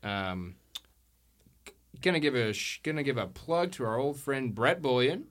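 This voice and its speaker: A man running a tabletop game podcast as game master, playful and quick to laugh. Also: mid-range voice, lively intonation, a bit bright.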